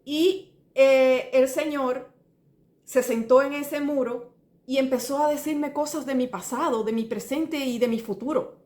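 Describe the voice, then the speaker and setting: A middle-aged Cuban woman gives a personal faith testimony in a slightly high, darkish voice, speaking at a measured pace with fairly even intonation. Earnest and rambling, she restarts, repeats details, and often calls the listener "brother," all in a recording with a roomy echo.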